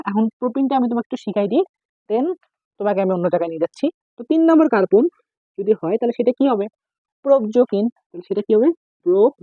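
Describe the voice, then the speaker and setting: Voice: medium pitch, dry recording. A chemistry tutor gives a casual exam-prep lecture, asking questions and answering them, repeating each point. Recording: tinny phone-like dry recording.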